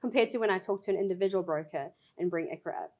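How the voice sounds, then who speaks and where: A woman's voice: fairly low pitch, racing, darkish tone, highs cut off. A woman, a regional sales director, chatting as a guest in an interview, emphatic and enthusiastic. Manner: emphatic, enthusiastic, laughs easily. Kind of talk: casual interview chat.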